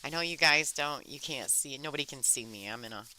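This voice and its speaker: A woman commentating live on a pool match in a restrained, soft-spoken golf-commentator voice, chatting conversationally as she follows the play. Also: very deep voice, a little fast, a little hiss or hum, poor audio. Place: alone in a chilly room.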